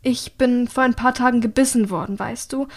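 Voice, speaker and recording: A woman reading an audiobook, voicing an urgent young woman who pleads in hushed, half-whispered tones. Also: a little high, fairly even intonation, normal speed.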